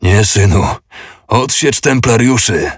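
Male narrator as a gruff old knight master, raspy and low, storybook reading. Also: expressive, slow, no echo, clean studio sound. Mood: urgent.

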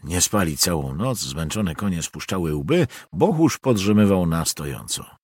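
A man reading a historical novel aloud as an expressive audiobook narrator. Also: sits low, normal speed, husky, dry recording, studio quality. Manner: expressive storytelling.

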